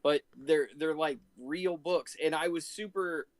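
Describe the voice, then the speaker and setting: Wry, slightly high American dad, grumbly casual chat. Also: male voice, measured pace. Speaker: co-host, a parent.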